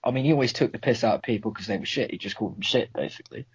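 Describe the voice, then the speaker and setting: A man's voice: mid-range voice, rapid-fire, slightly rough, no room sound. A young man with an Irish accent co-hosting a casual podcast, bantering and swearing freely. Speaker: podcast co-host. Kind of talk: casual chat. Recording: dull lo-fi dry sound.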